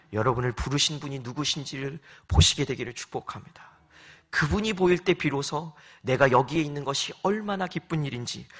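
A male pastor preaching a sermon in a church, asking his congregation questions and repeating his points with pleading emphasis. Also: fairly high pitch. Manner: lively, rhetorical questions, pleading repetition. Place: church sanctuary.

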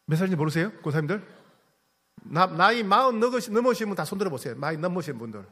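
Fast and sing-song, a high-pitched pastor delivers his sermon, quizzing and teasing the congregation. He keeps repeating key phrases while his volume rises and falls from loud to soft.

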